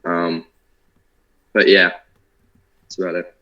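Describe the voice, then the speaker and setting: A very deep, monotone man with a bright, forward tone rambles casually, filling his sentences with "like" and "um". His voice comes through muffled, lo-fi video-call audio. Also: slow. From suburb near Philadelphia, United States. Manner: relaxed, rambling, with frequent "like" and "um". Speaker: university student in an online discussion. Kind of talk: casual discussion.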